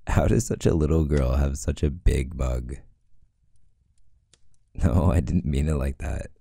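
A man in a whispered role-play as a playful, teasing boyfriend, speaking softly and affectionately. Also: a bass voice, unhurried, gravelly, dry recording, clean studio sound. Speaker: audio role-play creator.

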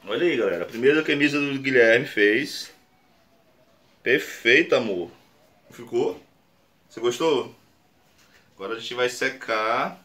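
A man's voice: medium pitch, animated, measured pace, long pauses, bright, forceful tone. A man in his thirties with a Brazilian Portuguese accent, patiently demonstrating screen printing in a small workshop and explaining each step. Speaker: screen printing channel host. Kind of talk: casual how-to demonstration. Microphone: camera on a tripod a few meters away. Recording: roomy, distant camera mic with faint noise.

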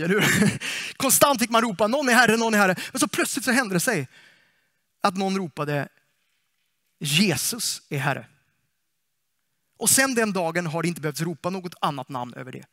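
A man preaching in church with a high, bright voice. He is lively and playful and keeps putting questions to the congregation. The sound is close and dry. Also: no room sound. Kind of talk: sermon.

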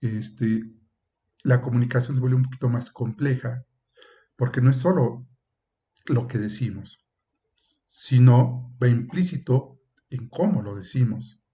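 A male professor lecturing in an even, mid-pitched voice, explaining point by point and filling pauses with hesitant fillers. He now and then slips into short acted exchanges to make a point. The recording sounds muffled and lo-fi. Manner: explanatory, with frequent "eh" and "este" fillers; acts out short example dialogues. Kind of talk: university lecture.

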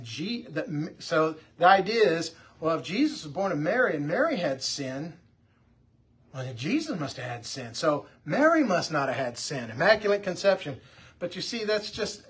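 A pastor talks through scripture in an easygoing, chatty teaching style, doubling back and restarting his sentences as he goes. His voice is husky and sits a touch high for a man. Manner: conversational, with frequent restarts and fillers. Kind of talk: casual Bible teaching.

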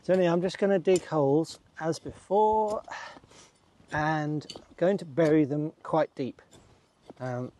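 A middle-aged allotment gardening vlogger chats casually and laughs to himself while digging and planting outdoors. His voice sits on the high side with a dark tone and a measured pace. It's captured on a camera mic that's sometimes far from the camera.

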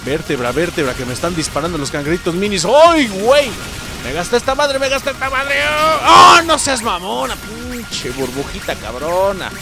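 A high-voiced man with a Mexican accent narrates his gameplay, his pitch swinging wildly as he cusses and shouts at the screen. Game music plays steadily behind him. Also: fairly quick. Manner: excitable, swears and yells at the game. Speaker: gameplay streamer. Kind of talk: let's play commentary.

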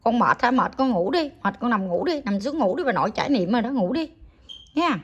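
A middle-aged woman talks softly and pityingly to her dog at home, in a casual vlog. Her voice sits a bit high and sounds slightly husky. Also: expressive, quick pace, dull audio. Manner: pitying, fussing baby talk to the dog. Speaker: vlog host, grandmother to the dog. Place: home, indoors.

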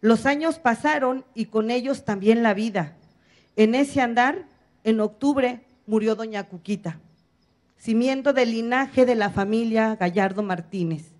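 A woman's voice: on the high side, measured pace, a little mellow. A middle-aged woman, reading a solemn speech at a podium, building her points in rhythmic lists of short phrases. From Mexico. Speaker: activist speaker at a public apology event. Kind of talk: formal speech read from notes. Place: large bright hall, at a podium. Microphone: podium microphone on a stand, filmed from afar.

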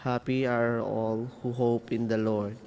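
A man reading scripture solemnly as a lector, measured and reverent, phrase by phrase, in a church with cathedral-like echo. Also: medium pitch, little pitch movement, a little mellow, a little hiss or hum. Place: inside a church.

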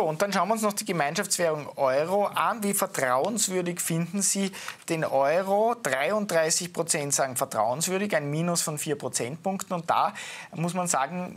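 A TV host, reading out survey results and turning to the guest expert with questions. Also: medium pitch. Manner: reads out figures crisply, then poses questions to the guest. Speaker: TV host presenting poll results. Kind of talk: presenting figures on TV. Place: TV studio.

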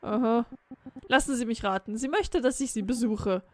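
A woman's voice: on the high side, normal speed, no room sound, lightly acted. A woman voicing a tired, guilt-ridden young man in a game, reading in her own voice. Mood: weary.

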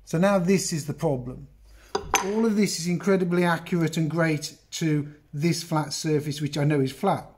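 A middle-aged English man chats his way through a woodworking job, breaking off his own sentences to talk straight to the viewer. His voice sits a little high, recorded on a phone set on the bench. Faint clicks and workshop noise sit behind him. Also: moderate pace, darkish tone. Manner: chatty, rambling, self-interrupting, talks to the viewer. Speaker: woodworking video host. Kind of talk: casual workshop demonstration. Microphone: phone camera on the bench, moved around.

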